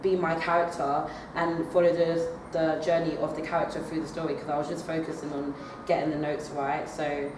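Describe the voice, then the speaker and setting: A young adult woman, a drama student, answers interview questions hesitantly, full of fillers and restarts. Her voice is deep and level, fairly quick, with hardly any pauses. She was recorded far from the mic in an echoey, noisy room.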